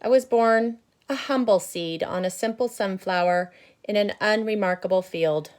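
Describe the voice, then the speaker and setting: A woman voicing a boastful, grumpy little male seed from a picture book, in an emphatic, drawn-out, confessional way. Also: mid-range voice, close to an everyday voice. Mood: resigned, wistful. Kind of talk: picture-book character read aloud.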